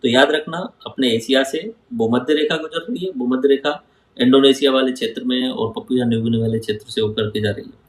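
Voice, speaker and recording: A man's voice: medium pitch, steady tone, brisk, roomy sound, rough recording. A man teaching geography over a map, asking his students questions and answering them himself. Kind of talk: map-based lecture.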